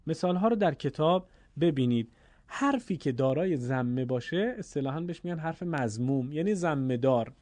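A man's voice: a little high, lively intonation, darkish tone, dry recording. Formal male Quran reading teacher. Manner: formal and courteous, drawing out vowels in slow demonstrations. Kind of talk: recorded lesson for listeners.

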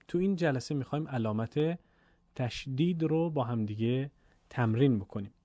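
A middle-aged man giving a recorded Quran recitation lesson, explaining patiently and repeating example words slowly. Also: medium pitch, darkish tone, dry recording.

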